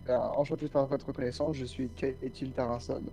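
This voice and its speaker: A man playing a modest, polite new Norse jarl with formal, measured courtesy in a tabletop game. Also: medium pitch, flat delivery, mellow, soft background music, lightly acted.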